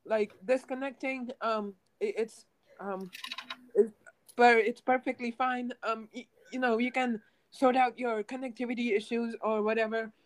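A woman's voice: a little high, steady tone, moderate pace, a little hiss or hum, poor audio. A nineteen-year-old woman chatting casually to her viewers, rambling with lots of ums and restarts. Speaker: gaming channel host.

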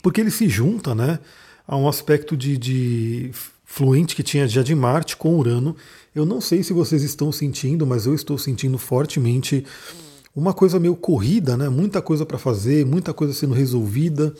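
Hoarse Brazilian man giving a relaxed talk. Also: mid-range voice, moderate pace. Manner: explanatory, frequent tag questions. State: hoarse, voice worn out from talking all day. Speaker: astrologer host. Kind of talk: casual spoken daily astrology reflection.

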